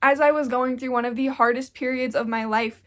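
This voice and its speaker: This YouTuber, a young woman around twenty who's a bit stuffed up from getting sick, chats earnestly and rambles through a casual sit-down vlog, leaning heavily on "like." She has a high-pitched voice, a steady tone and a fairly quick pace.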